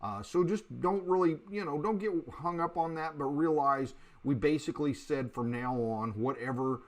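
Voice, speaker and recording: A man teaching a beginner programming lesson over a screen recording, talking in a halting way with many fillers and restarts. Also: on the high side.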